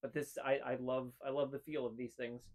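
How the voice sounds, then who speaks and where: A man's voice: medium pitch, level tone, brisk, darkish tone. A man in his thirties co-hosting a casual chat show, talking in an opinionated, emphatic way and repeating phrases to drive a point home. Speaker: co-host. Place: room full of hanging jerseys.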